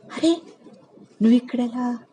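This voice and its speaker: A man doing a bright-voiced excited young woman. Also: high voice, a little fast, slight background noise, lightly acted. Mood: eager. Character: excited young woman meeting an old friend.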